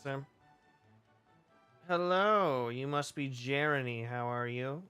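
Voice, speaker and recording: A man's voice: mid-range voice, slow, bright, forceful tone, smooth, soft background music. A man giving playful, jokey let's-play commentary while playing a game. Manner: playful, jokey, laughs often. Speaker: game streamer.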